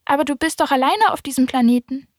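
A woman puts on a small, earnest boy prince with a lifted, youthful voice, asking his questions clearly and insistently. He speaks close and dry, with no room sound around him, as in a storybook recording. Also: sits high, fast talker, no room sound, voice pushed up, natural voice. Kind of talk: audiobook character voice.

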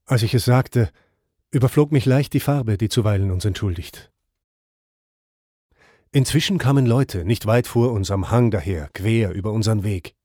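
Brief: male audiobook reader, measured verse narration, mellow tone, dry close sound. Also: on the low side, dry recording. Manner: measured, even reading. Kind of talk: scripted narration of classic poetry.

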